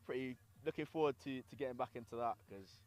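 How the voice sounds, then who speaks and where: A man's voice: mid-range voice, fast talker, a little mellow. A young man with a Scottish accent, from London, giving live sports commentary mixed with casual chat as a rugby commentator and player. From grew up in London. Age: young adult.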